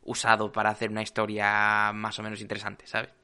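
A man's voice: lowish voice, completely flat delivery, a little fast, sharp tone, smooth. A man, co-hosting a podcast in casual chat, rambling with lots of fillers and restarts.

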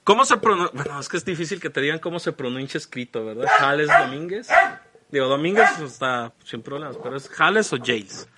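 A man's voice: on the high side, animated, a little fast, heavy background noise. A man with a Mexican accent co-hosting a podcast, chatting and reviewing casually in an informal, slangy, sweary way. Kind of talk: casual live-stream chat and review.

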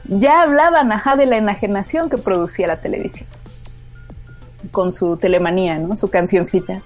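A woman's voice: mid-range voice, normal speed, faint music behind. Chatty Mexican woman co-host. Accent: Mexican Spanish. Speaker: podcast co-host. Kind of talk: casual chat.

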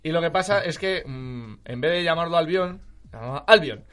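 A man's voice: on the high side, moderate pace, fairly bright tone. A young man co-hosting a radio show, telling stories in casual chat with a loose, laughing manner.

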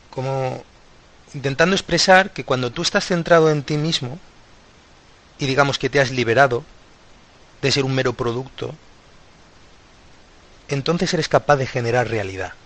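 A man's voice: medium pitch, fairly bright tone. A man in a casual philosophical discussion, thinking aloud and restarting his sentences often.

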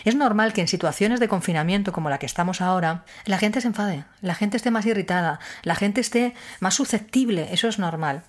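A woman's voice: mid-range voice, fairly quick, few pauses. A woman giving an explanatory talk on handling emotions, using rhetorical questions and firm emphasis. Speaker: speaker on emotional wellbeing.

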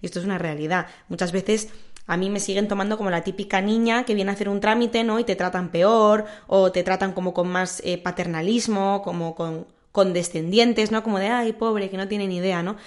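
A young woman in her twenties talks through her own podcast in a casual, candid way. She chats with a mid-range pitch, often tossing in little tag questions as she gives advice. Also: fairly even intonation, brisk. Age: 20s. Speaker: podcast host.

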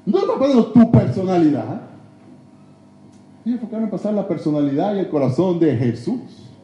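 A man preaching a sermon in a church, emphatic, swinging between loud exhortation and hushed confession. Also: sits high, sing-song, brisk, dull audio. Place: church sanctuary. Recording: echoey church hall.

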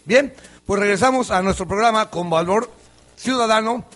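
A man's voice: sits high, normal speed, fairly bright tone, faint music behind. A man hosting a radio talk show, commenting chattily with frequent restarts. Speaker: radio host.

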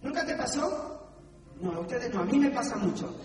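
A man's voice: very high voice, normal speed. A man preaching a sermon as pastor, mixing teaching with jokes and acting out quoted voices. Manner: animated, acts out quoted voices. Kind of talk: sermon with humor. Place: church hall. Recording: echoey hall from far off.

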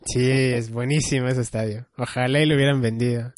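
A man's voice: mid-range voice, steady tone, a little fast, no echo. Musing man, dry close mic. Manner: musing, hedging, many fillers. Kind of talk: casual chat about anime.

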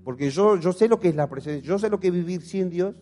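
A pastor in his thirties with an Argentine Spanish accent preaches a passionate sermon, his high-sitting voice warm and quick. He speaks with impassioned energy and asks the congregation questions.

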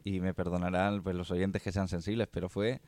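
Young man, Spain Spanish accent, podcast co-host, slangy and quick, low voice, dry sound. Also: little pitch movement, a little mellow, dry recording. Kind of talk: casual podcast chat.

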